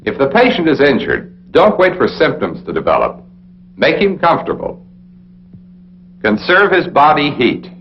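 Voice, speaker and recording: An American man with a mid-range voice narrates a 1960s military training film, addressing the listener directly in a deliberate, authoritative, instructional manner. The soundtrack is dull and noisy, with an audible hum typical of film from that era.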